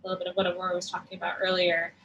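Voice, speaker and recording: Flat-voiced woman reading a presentation. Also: on the low side, lo-fi sound, a little hiss or hum. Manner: measured, reading from slides. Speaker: academic presenter. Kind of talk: conference presentation. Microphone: video call with earphones.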